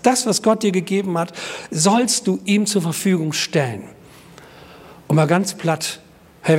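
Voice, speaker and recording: A man's voice: high-pitched, breathy edge. A man preaching a sermon at a free church, emphatic and conversational, dropping frequent asides to the congregation. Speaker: pastor.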